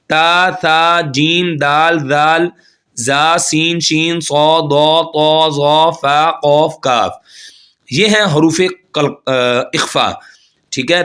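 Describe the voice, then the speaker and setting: A man teaches tajweed in a steady, patient way. He explains each rule step by step, often checks in with his students, and recites the Arabic examples slowly with long held sounds. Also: on the high side. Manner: patient, repeats each point and checks in with "theek hai"; chants Arabic words slowly and stretched out. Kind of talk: tajweed lesson.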